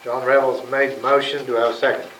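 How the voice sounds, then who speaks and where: A man's voice: medium pitch, flat delivery, quick pace. Man chairing a meeting in an echoey room. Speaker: chair of a county council meeting. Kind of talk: formal meeting procedure. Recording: echoey room, distant mic, loud noise.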